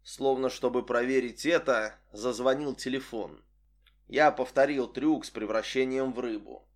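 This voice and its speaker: A man narrating a first-person audiobook in a measured, wry storytelling manner. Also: medium pitch, fairly even intonation.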